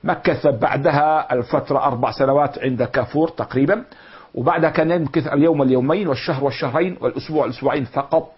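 A middle-aged man delivers a patient lecture on classical poetry. He speaks in a husky tone at an ordinary pitch, going over words again and glossing them. The recording is dull and lo-fi. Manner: explains slowly, repeating and glossing words. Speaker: teacher.

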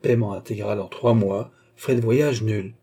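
A man's voice: on the low side, measured pace, mellow, slightly rough. A man voicing a scheming swindler who lays out his plots with mocking confidence. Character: cunning, sardonic male swindler.

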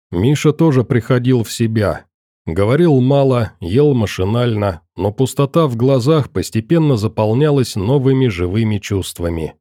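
A man narrating an audiobook in a calm, measured storytelling voice, speaking quoted lines softly. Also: medium pitch, no room sound, studio quality.

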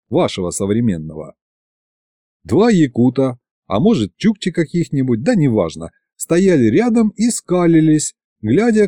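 A man narrating an audiobook in a chatty, lively storytelling manner. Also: mid-range voice, no echo, clean studio sound.

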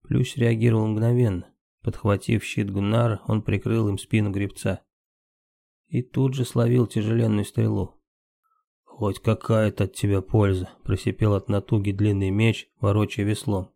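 A man reading a story aloud as an audiobook narrator, steady scripted narration. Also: fairly low pitch, normal speed, vocal fry, no room sound.

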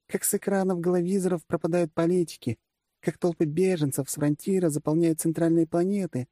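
A man's voice: on the high side, warm tone, no room sound, clean studio sound, voice pushed up, lightly acted. A man reading an audiobook, voicing a blunt, sarcastic older female generalissimo.

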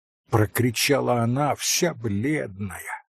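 A man narrating an audiobook in an expressive storytelling way. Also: mid-range voice, slow pace, vocal fry, breathy edge, no echo, clean studio sound.

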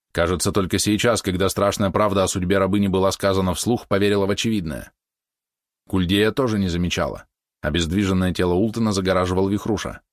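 A man reading a historical novel aloud as audiobook narrator, measured and steady. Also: sits low, dry recording, studio quality.

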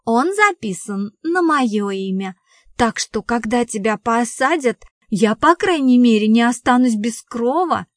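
A woman voicing a theatrical, indignant wife who talks loudly in exclamations, as an audiobook dialogue reading. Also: a little high, animated, measured pace, no room sound, studio quality. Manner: loud, exclamatory.

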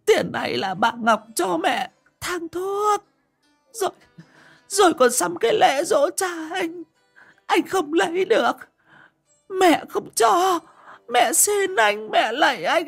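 A man voicing a frail old mother who stammers, begs and weeps in a high, creaky voice. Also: big pitch swings, takes it slowly, long pauses, soft background music, full character voice. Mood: pleading, tearful. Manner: begging, stammering.

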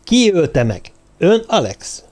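A man's voice: fairly high pitch, sing-song, darkish tone, pitched above the performer's own voice. A man reading an audiobook, voicing a stern male investigator who questions suspects firmly and insistently.

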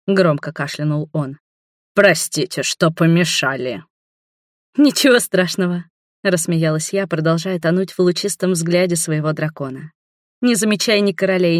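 An audiobook narrator reading a first-person fantasy romance in an even, expressive way. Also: medium pitch, dry recording, clean studio sound.

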